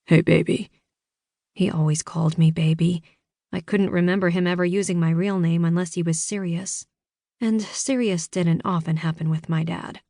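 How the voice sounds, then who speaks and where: A woman reading first-person scripted narration for an audiobook in a measured storytelling manner, in a studio. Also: fairly low pitch, steady tone, warm tone, no room sound.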